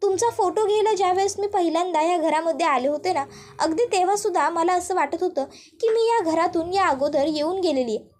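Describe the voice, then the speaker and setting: Woman playing a troubled young wife in a TV serial recap, earnest and pleading, voice pitched very high. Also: fairly quick, a little mellow.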